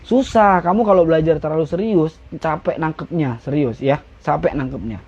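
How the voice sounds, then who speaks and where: A man's voice: on the high side, normal speed, a little mellow, slightly rough, lo-fi sound. A young man teaching flag ceremony steps in a casual live-stream lesson, joking and now and then barking out commands.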